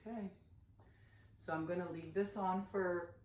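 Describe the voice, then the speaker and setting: A woman's voice: fairly low pitch, fairly even intonation, a little slow, a little mellow. Chatty hairdresser woman with a slight lisp. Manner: chatty, addresses viewers as you guys. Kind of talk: hair care tutorial vlog. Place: salon shampoo bowl area. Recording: roomy echo, faint background noise.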